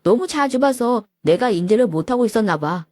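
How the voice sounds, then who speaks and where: A woman voicing a blunt, firm young husband, speaking lower than her own voice. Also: animated, brisk, darkish tone, no echo, clean studio sound. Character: exasperated young married man, blunt husband.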